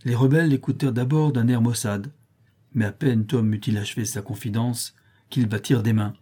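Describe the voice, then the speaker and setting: Husky, dark-voiced male narrator. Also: medium pitch, fairly even intonation, brisk. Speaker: audiobook narrator. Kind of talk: scripted narration.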